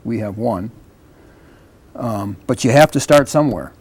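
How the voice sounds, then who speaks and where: An American man speaks at a middling pitch in a casual panel discussion. He explains things haltingly, like a community advocate laying out practical points. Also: a little mellow, slightly rough. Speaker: public access show panelist and advocate.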